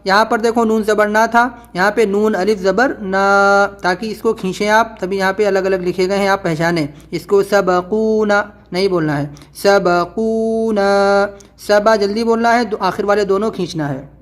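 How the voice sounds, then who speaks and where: A man teaching Quran reading, drawing out letter sounds slowly and then explaining quickly. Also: high-pitched, faint music behind. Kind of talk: spelled-out reading lesson.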